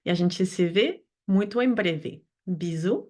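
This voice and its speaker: A woman teaching a lesson, giving slow, carefully articulated pronunciation drills. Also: on the low side, lively intonation, darkish tone. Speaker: French teacher. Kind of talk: language lesson.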